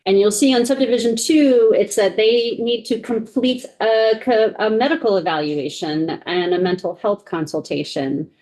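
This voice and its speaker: A woman serving as legal counsel at a committee hearing, going through a bill section by section in a halting way, thinking aloud. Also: medium pitch, a little mellow, poor audio. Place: legislative committee room.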